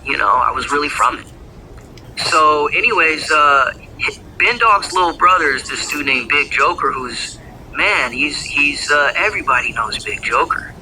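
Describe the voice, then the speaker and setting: A man's voice: fairly high pitch, lively intonation, moderate pace, sharp tone, a little hiss or hum, poor audio. A man telling his own story in a casual, rambling way, heavy on slang and swearing. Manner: profane, slangy, rambling with fillers. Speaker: former gang member telling his story.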